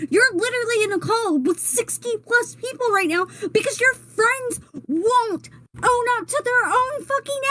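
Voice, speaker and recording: A woman's voice: extremely high pitch, a bit bright, low-quality recording. A woman in her twenties on a voice call from her bedroom, speaking in an emphatic, accusatory way. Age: 20s. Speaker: caller in a voice call. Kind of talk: heated voice call confrontation.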